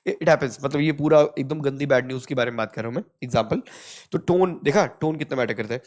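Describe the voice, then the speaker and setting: A male spoken-English teacher with an Indian accent, talking at an ordinary middle pitch. He keeps it casual and chatty, calls viewers "brother" and checks in with "ठीक है" after almost every line. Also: fast talker. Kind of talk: casual Hinglish lesson.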